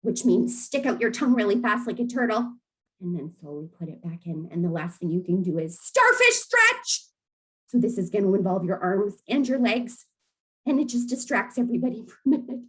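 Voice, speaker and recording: A woman who facilitates an early years program, gently demonstrating calming breathing techniques with an encouraging manner and easy laughter. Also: mid-range voice, fairly quick, low-quality recording. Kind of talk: friendly instructional demonstration.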